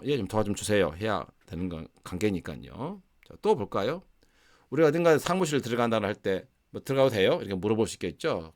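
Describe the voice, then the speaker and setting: A man with a Gwangju Korean accent teaching an online English grammar lesson. He acts out short example dialogues and slows right down for the English phrases. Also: fairly low pitch. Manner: lively explaining, acting out example dialogues, slowing for English phrases.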